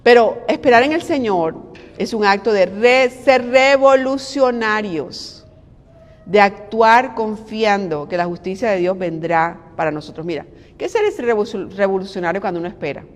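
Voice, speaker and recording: A middle-aged woman preaching a devotional with animated, conversational energy, asking her listeners one rhetorical question after another. Her mid-pitched voice rings out with a long hall reverb trailing behind it. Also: moderate pace. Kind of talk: devotional sermon.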